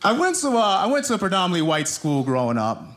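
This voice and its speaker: Here the same kind of New Jersey stand-up, an American man in his thirties, swings his high voice through huge pitch changes with a slightly bright edge. Pausing deliberately and performing quoted lines, he talks to a theater crowd through a handheld mic, audience sounds picked up live.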